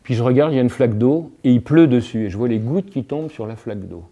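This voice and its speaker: A man talking as an interview guest about wonder and kindness, his voice warm and soft-edged rather than bright. He sits at an ordinary middle pitch and muses reflectively. He builds his points out of small everyday anecdotes and keeps tagging his phrases as he goes. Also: quick pace. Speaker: guest, alchemist and author. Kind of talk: reflective philosophical talk.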